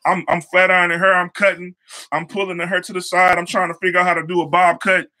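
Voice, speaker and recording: Young male host, high and piercingly bright tone, loose conversational storytelling with slang and repeated phrases. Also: flat delivery, fast. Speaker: show host, hair stylist. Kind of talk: casual motivational storytelling.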